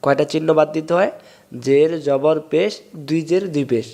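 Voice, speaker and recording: A man from Bangladesh, teaching Quran reading step by step and drawing out sounds slowly to show them. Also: a little high, vocal fry, darkish tone. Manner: explains step by step, drawls sounds slowly to demonstrate. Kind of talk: recitation lesson.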